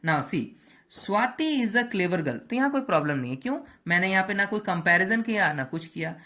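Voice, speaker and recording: A woman teaching English grammar, moving between Hindi and English, slowing down to spell out each English example and checking in with "right?" and "okay". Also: medium pitch, expressive, sharp tone. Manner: mixes Hindi and English, slow over English examples. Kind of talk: classroom lesson.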